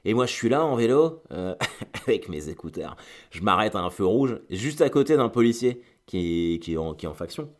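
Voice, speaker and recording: A man with a deep, low voice tells a rambling everyday anecdote in a relaxed, chatty way. He wanders off on tangents, piles up little fillers, and slips into quick bits of acted dialogue. He sounds like a regular host talking straight to his audience. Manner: chatty, digressive, full of fillers and acted quotes. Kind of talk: casual storytelling monologue.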